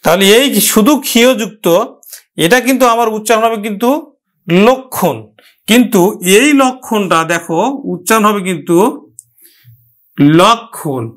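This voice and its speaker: Male teacher with a high voice, patient and step-by-step, who drills example words through repetition. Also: a bit bright. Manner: explains slowly, repeats example words. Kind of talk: pronunciation lesson.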